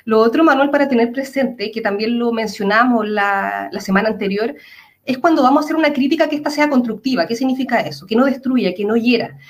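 A woman's voice: fairly high pitch, fairly quick. A woman with a Chilean accent, a psychologist explaining things earnestly in an interview, using everyday examples. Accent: Chilean Spanish.

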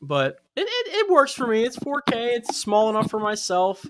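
Man, casual podcast host, bright forward voice, rambling talker. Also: extremely high pitch, huge pitch swings, normal speed, a little hiss or hum. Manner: rambling, repeats himself, laughs often. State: recovering from covid, no smell. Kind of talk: casual chat.

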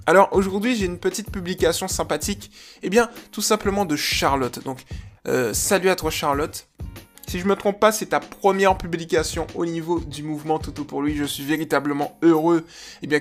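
A man hosting a dog-training podcast in a chatty, enthusiastic monologue full of fillers. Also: a little high.

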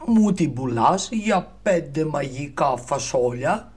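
A woman's voice: deep voice, animated, a little mellow, breathy edge. A woman voicing a strange little man who coaxes a boy into a trade. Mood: coaxing.

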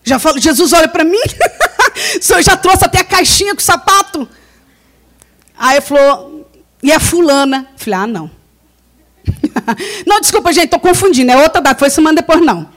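A high-voiced Brazilian woman preaches to a congregation and shares a personal testimony. She tells her story in an animated way, acting out the dialogue and often breaking into laughter. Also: fairly quick, pauses often. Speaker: lay preacher.

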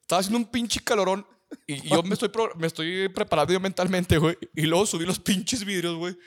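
Animated Mexican man, crude slangy chat. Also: high-pitched, fast. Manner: crude slang-heavy, says "güey" constantly, animated. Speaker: podcast co-host. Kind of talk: casual chat.

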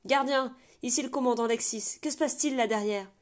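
A man's voice: very high-pitched, brisk, pitched above the performer's own voice. A woman voicing a stern, rigid male fortress commander with a clipped, commanding delivery.

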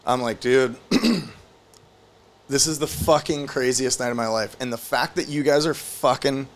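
A young man recounts a story on a casual podcast, his voice sitting in an ordinary middle pitch. He rambles, swears a lot and leans on "like" constantly. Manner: rambling, profane, lots of "like". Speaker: podcast host.

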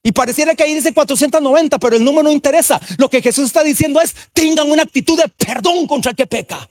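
A male pastor with a very high-pitched voice preaches with dramatic swings. He draws out key words slowly and bursts into shouted lines. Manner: preaching with emphatic swings, drawn-out stressed words and sudden shouts. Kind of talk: sermon.

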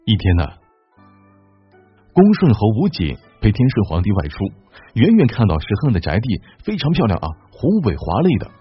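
A man's voice: lowish voice, huge pitch swings, moderate pace, breathy edge, highs cut off, soft background music. A man telling a serialized historical story in a chatty way with wry asides.

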